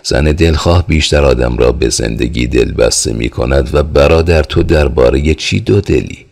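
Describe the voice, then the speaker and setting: A worldly male friend who teases and reassures, read by a man in an audiobook. His tone stays easygoing and chiding, very deep and gravelly with a husky grain. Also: a little mellow, exaggerated voice. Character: worldly joking male friend, teasing and persuasive.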